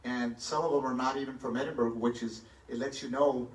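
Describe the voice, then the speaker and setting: Speaking a little fast with fairly even intonation, this Texan mayoral candidate has a medium-pitched voice and answers a forum question with confident emphasis. He's on a stage in a big, echoey hall with a handheld mic, recorded from far back on a phone, with some hiss or hum.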